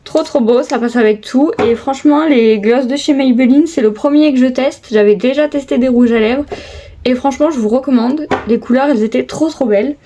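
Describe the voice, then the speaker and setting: Filming a make-up tutorial on her phone at home, a young beauty vlogger chats casually, hesitating often and gushing "trop, trop beau" over and over. Her high-pitched voice is brisk with a dark tone, and there's a little hiss or hum.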